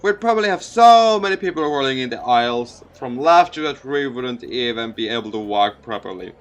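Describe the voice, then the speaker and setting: In a let's play, a man reads a visual novel aloud with asides, his mid-range voice expressive and brisk. He sometimes stumbles over lines and corrects himself.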